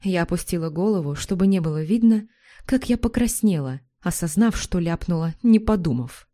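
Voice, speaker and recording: Low, mellow woman narrating a story. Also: expressive, normal speed. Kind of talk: first-person story narration.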